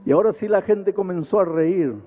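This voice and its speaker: A man's voice: sits high, a little fast, mellow, faint music behind. A man preaching an evangelistic sermon in a large arena with impassioned, emphatic repetition. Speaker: pastor.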